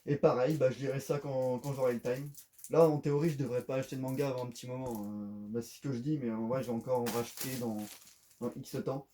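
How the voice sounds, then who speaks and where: A man talks through an unboxing in a casual, rambling way, full of fillers and little asides. His voice is very mellow and dark, at an ordinary pitch for a man. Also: fairly even intonation, fast, a little hiss or hum. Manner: rambling, filler-heavy, chatty. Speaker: unboxing vlogger. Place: at home.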